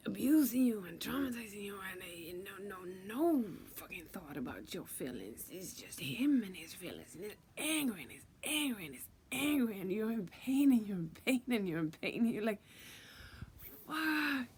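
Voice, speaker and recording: A woman telling her own story in a casual, halting way, with lots of fillers, restarts and swearing, and repeating words for emphasis. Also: medium pitch, very animated, a crowd in the background.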